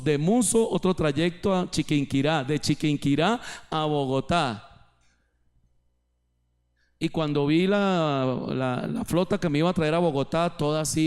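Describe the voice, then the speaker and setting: Animated pastor preaching. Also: male voice, fairly high pitch. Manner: animated, rising and dropping for emphasis. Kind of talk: sermon. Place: church.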